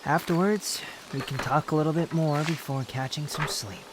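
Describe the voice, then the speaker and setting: A man playing a prideful, sharp-tongued puppet wanderer with a secret fondness, speaking to the listener in a roleplay audio drama, haughty and unhurried. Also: on the high side, noisy background, natural voice. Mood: gentler, calm.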